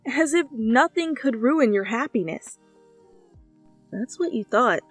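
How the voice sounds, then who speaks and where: A woman narrates scripted second-person fiction close to the microphone, her voice mid-range. The recording is dry, with soft music in the background.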